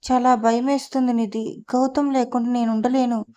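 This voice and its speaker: A woman's voice: fairly high pitch, flat delivery, moderate pace, dark tone, natural voice. A woman reading a storybook part of a heartbroken young woman who pleads through tears. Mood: tearful pleading. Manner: tearful, pleading.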